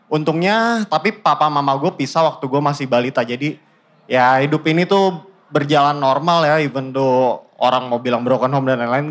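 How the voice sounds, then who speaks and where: A man in his twenties with a Jakarta accent, telling his life story in a casual, joking way with deadpan fake-outs and English mixed in. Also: a little high. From Indonesia. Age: 20s. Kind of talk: casual stand-up style storytelling.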